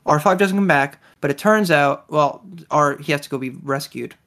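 Podcast co-host, casual review chat, enthusiastic, mid-pitched voice. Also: normal speed, fairly bright tone. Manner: chatty, enthusiastic, many fillers.

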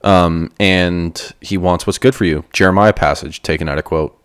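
A man's voice: low voice, fairly even intonation, normal speed, smooth. A man co-hosting a casual podcast discussion, joking and self-deprecating. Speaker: podcast co-host.

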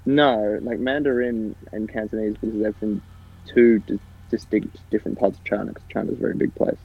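A young Australian man co-hosting a comedy podcast, riffing absurd ideas in a rambling, deadpan way. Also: fairly low pitch, a little fast, slightly rough, phone-quality sound. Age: young adult. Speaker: podcast co-host. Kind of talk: casual comedy chat.

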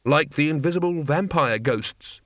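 A man's voice: a little high, moderate pace, fairly bright tone, no room sound, studio quality, natural voice. A man voicing a nervous, cowardly male wizard who speaks in an anxious, hesitant, stammering way.

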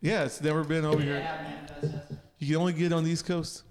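Playful podcast dude, kinda high voice, reverby room. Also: male voice, level tone, a little fast. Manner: playful, defensive, announces news. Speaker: podcast co-host. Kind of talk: casual banter.

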